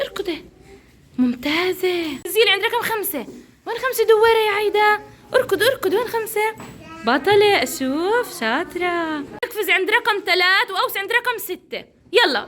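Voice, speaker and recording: A woman's voice: very high voice, pushed and bright, a little hiss or hum. A woman teacher, coaxing and praising young children through a counting game. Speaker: preschool teacher.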